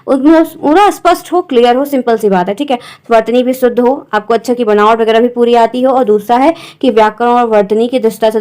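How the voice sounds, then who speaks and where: A woman's voice: fairly high pitch, a little mellow. Woman teaching exam questions. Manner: explains step by step, often asks "clear?". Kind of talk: exam-prep lesson.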